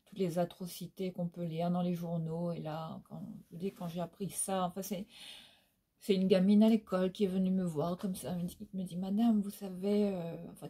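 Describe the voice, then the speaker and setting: A woman's voice: lowish voice, dark tone, breathy edge. Chatty sing-song woman from Réunion. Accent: Réunionese Creole French. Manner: chatty, many fillers and tag questions, sing-song. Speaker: beauty vlogger. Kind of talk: casual product review chat. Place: at home, indoors.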